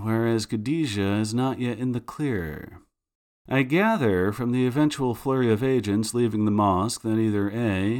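A male narrator reading a first-person serial story with dry, sardonic wit. His medium-pitched voice is lively, swinging up and down through the telling.

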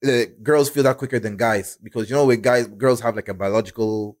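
A man's voice: mid-range voice, steady tone, fairly quick, a little mellow. A young man with an urban London accent, chatting casually in slang and rambling through his thoughts. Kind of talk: casual group chat.

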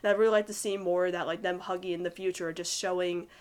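A young woman gushing about a cartoon couple in rambling, excited casual commentary full of "like". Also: on the low side, fast talker, smooth. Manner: gushing, rambling, heavy use of "like", giggly. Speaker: cartoon fan reviewer.

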